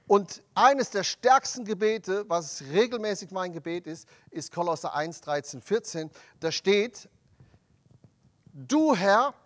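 A man preaching a sermon, emphatic and rising to loud proclamations of scripture. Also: sits high, lively intonation, slow.

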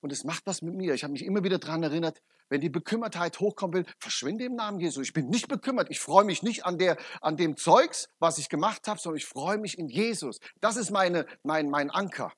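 A middle-aged man giving an emphatic testimony sermon, swinging between loud urgent peaks and quiet low asides. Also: expressive, brisk, hardly any pauses, slightly rough. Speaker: preacher.

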